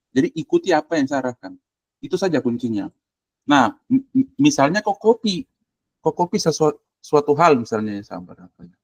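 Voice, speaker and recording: His voice leans high and the recording is dry. This university lecturer gives casual, blunt instructions while clicking through a shared screen on a video call, directive and colloquial, voicing his thoughts as informal tutoring unfolds.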